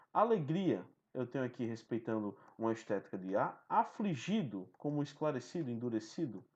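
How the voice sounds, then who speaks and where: Lively man teaching a lesson. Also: medium pitch. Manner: explanatory, asks the listener questions often. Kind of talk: recorded online lesson. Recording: dull lo-fi sound.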